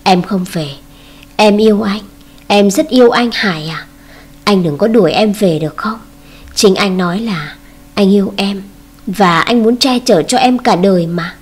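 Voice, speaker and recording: A woman reading the lines of a spoiled young woman who mocks and then begs, in a husky voice. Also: medium pitch, measured pace, a little mellow. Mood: pleading. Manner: mocking, then whiny and begging. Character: spoiled young woman, scornful, pleading ex-girlfriend.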